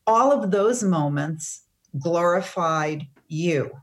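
A woman voicing a gentle, calm being of light in a spoken story, talking slowly and evenly. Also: lowish voice.

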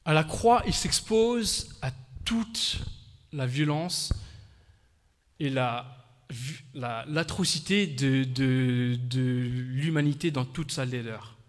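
A man preaching a sermon in short, earnest phrases, pausing for an interpreter. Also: mid-range voice, long reverb tail.

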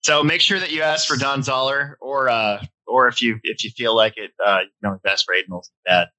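In a brisk, steady, medium-pitched voice that comes across bright and forceful, a man in his forties chats loosely on his home hobby podcast. He sounds slightly congested, and the recording quality is poor.

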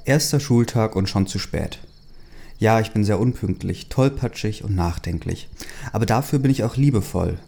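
A man's voice: on the low side, creaky, warm tone. A man casually reading a fan story aloud, hesitant, with many fillers and chatty asides. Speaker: story reader.

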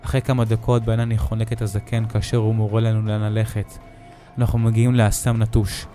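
A man narrating a scripted horror story in the first person, steady and measured. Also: on the low side, soft background music.

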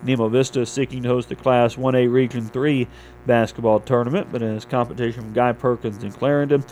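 A male radio anchor delivers a scripted local newscast at a middling pitch. He reads like a small-station morning host covering sports and weather, with noticeable hum and noise behind him. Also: fairly even intonation, brisk, darkish tone, low-quality recording. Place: radio studio.

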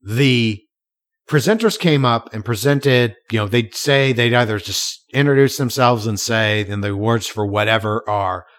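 A man co-hosting a podcast, chatting casually and telling stories in an animated way with frequent restarts. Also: mid-range voice, moderate pace. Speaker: podcast co-host. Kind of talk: casual chat.

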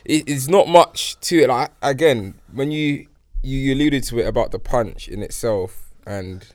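A man's voice: mid-range voice, moderate pace, darkish tone, no echo, studio quality. A young man with a London accent chatting casually, slangy and searching for his words. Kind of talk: casual chat among friends.

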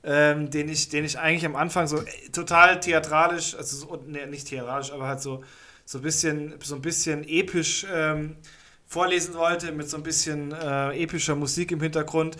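A man co-hosting a casual podcast, rambling along with wry humor and correcting himself mid-sentence. His voice is somewhat high for a man and very bright, with a forward edge. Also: little pitch movement, normal speed. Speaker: podcast co-host.

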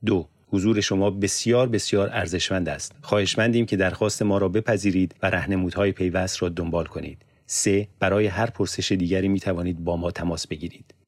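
Man, very low voice, audiobook narration, measured and even, dry close sound. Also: dry recording. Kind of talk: scripted narration.

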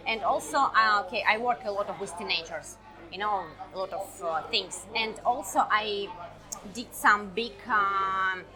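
Russian woman in halting English. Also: mid-range voice, a crowd in the background. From Russia, Siberia. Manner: halting non-native English with many fillers. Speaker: guest. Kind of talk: casual chat.

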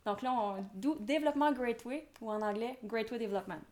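With a slightly high, slightly mellow voice, this podcast guest talks fast and with motivational enthusiasm. She's a real estate developer in her twenties with a Québécois French accent.

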